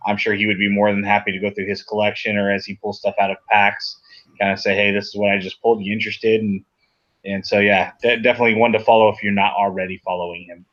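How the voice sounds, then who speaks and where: A man with a lowish voice co-hosting a casual podcast, talking in a chatty, laid-back way and laughing easily. His tone is bright and forceful. The audio sounds dull and lo-fi. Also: level tone, fast talker. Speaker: podcast co-host. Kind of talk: casual chat.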